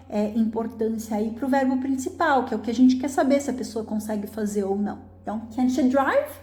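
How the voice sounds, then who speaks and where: A woman teaching an online language lesson, explaining patiently step by step and reading example sentences slowly and carefully. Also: a little high, warm tone, reverberant. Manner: patient, explains step by step with frequent check-ins. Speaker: English teacher.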